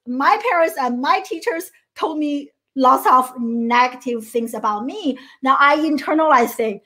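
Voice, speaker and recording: With a high, slightly bright voice and a Chinese accent, a middle-aged woman from China delivers an earnest motivational coaching talk. She keeps restarting phrases and checking in with listeners through frequent "right?" tags.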